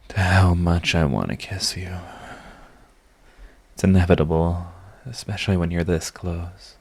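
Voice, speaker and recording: In a romantic ASMR audio roleplay, a man with a low voice plays a lovestruck villain who is proud yet tender. He speaks haltingly, intimately, and earnestly, sounding flustered and full of yearning.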